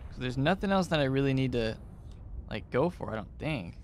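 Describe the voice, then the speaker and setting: A man's voice: mid-range voice, expressive, fairly quick, a little hiss or hum. A man giving let's play commentary, chatty and thinking aloud as he plays, often unsure of himself. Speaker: gamer.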